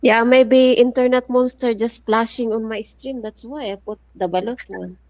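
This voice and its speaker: A woman's voice: on the high side, steady tone, moderate pace, a little mellow. Woman co-streamer on muffled audio. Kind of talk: casual livestream chat.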